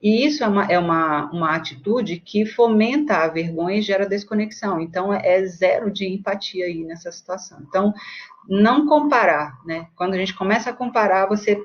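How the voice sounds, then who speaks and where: A woman's voice: on the low side, muffled recording. A woman with a Brazilian Portuguese accent teaching a book study in a casual, conversational way, often checking in with tag questions and acting out examples. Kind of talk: casual spoken lesson.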